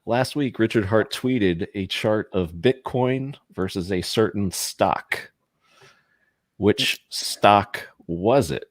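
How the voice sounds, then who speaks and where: Upbeat male host, low voice, dry close sound. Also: slow, no room sound. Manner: upbeat quiz-master, laughs often. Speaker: host running trivia. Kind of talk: casual live-stream chat.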